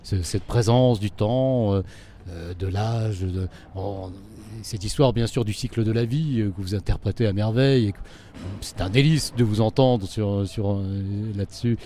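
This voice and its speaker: A man's voice: fairly low pitch, moderate pace, dark tone, slight background noise. A man interviewing a circus artist, asking long questions with many hesitations.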